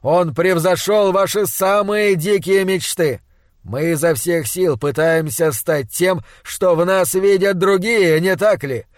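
Weary, stern middle-aged doctor, read by a man; slow, measured delivery. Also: high-pitched, no room sound, studio quality.

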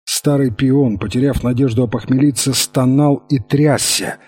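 A man reading an adventure novel aloud as narrator in an even, measured manner, with a husky voice. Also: medium pitch. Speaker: audiobook narrator. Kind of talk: scripted narration.

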